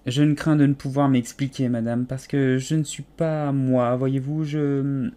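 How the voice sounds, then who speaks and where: A man's voice: medium pitch, level tone, unhurried, dark tone, lightly acted. A man voicing a shy, polite little girl in an audiobook, stammering and hesitant. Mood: timid. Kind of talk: audiobook character voice.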